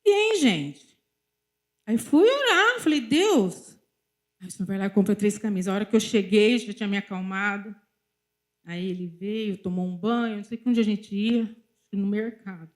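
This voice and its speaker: A woman's voice: mid-range voice, steady tone, fairly quick, darkish tone. A middle-aged woman with a Brazilian Portuguese accent, speaking at a church and preaching through personal stories while talking directly to the congregation. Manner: storytelling, often addressing the congregation directly. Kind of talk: sermon with personal testimony.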